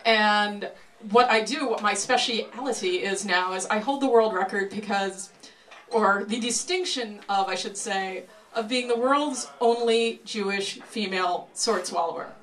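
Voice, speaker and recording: A woman performing live sideshow patter as a sword swallower, telling her story with self-deprecating humor and showman-like announcements with dramatic pauses. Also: mid-range voice, a bit bright, poor audio. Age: 30s or older. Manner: self-deprecating, wry comic delivery. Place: live stage show before an audience.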